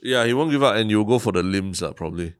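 A man with a Singaporean English accent, co-hosting a podcast in relaxed, rambling casual chat that is full of "lah" and "lor". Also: lowish voice, quick pace, smooth, dry recording, clean studio sound. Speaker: podcast co-host.

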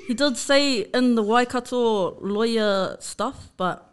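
Clear-voiced woman, Māori New Zealand accent. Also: a little high, slow. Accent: Māori New Zealand English. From Northland, New Zealand. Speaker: podcast guest. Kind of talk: casual introduction mixing Māori and English.

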